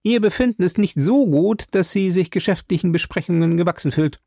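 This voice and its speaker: A man's voice: high-pitched, brisk, warm tone, no room sound, studio quality, voice pushed up. A man voicing a defiant young woman in a detective audiobook, who speaks sharply and emotionally. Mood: cool, sharp.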